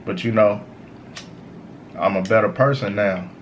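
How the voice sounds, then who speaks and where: A man who sounds high, giving a casual, slangy, meandering stoner monologue of motivational advice as a show host. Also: measured pace, highs cut off, a little hiss or hum. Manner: repeats "you know" tags, informal slangy phrasing. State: high on cannabis. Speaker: host of a smoke session series.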